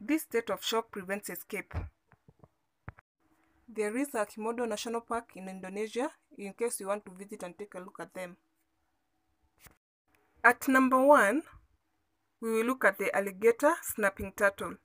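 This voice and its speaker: A woman's voice: mid-range voice, moderate pace, long pauses, no room sound. A woman reading scripted nature documentary narration as a video voice-over.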